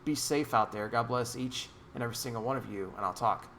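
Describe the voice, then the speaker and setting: A man's voice: medium pitch, quick pace, fairly bright tone, a little hiss or hum. A man giving opinionated vlog commentary in an emphatic, indignant, preachy way, repeating phrases for emphasis. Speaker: YouTube commentator.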